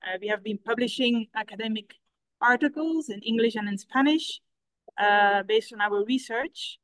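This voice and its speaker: A middle-aged woman from Belgium, a researcher explaining her project at an online conference in a measured way with some restarts. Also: on the high side, no room sound, low-quality recording. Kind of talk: conference talk over a video call. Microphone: video call.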